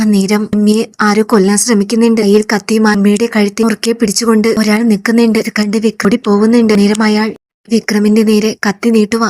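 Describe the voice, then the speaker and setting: Young woman, serial recap narrator; monotone, steady storyteller. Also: medium pitch. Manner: steady storytelling, reads every character's lines herself. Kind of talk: retelling a TV serial episode.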